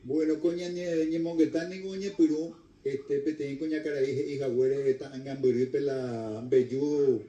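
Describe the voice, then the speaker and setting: A man's voice: mid-range voice, fairly even intonation, unhurried, few pauses, dark tone, far from the mic, lo-fi sound. Chatty male TV host, roomy studio. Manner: chatty, mixes Guarani and Spanish. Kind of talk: TV talk show hosting.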